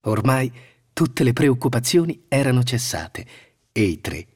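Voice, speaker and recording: A man narrating a fairy tale in a scripted, expressive storytelling manner. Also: medium pitch, a little slow, slightly rough.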